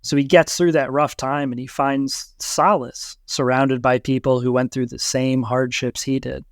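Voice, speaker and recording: A man's voice: mid-range voice, flat delivery, a little slow, no echo, clean studio sound. A man co-hosting a podcast, discussing a film in casual, thoughtful commentary. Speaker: podcast co-host.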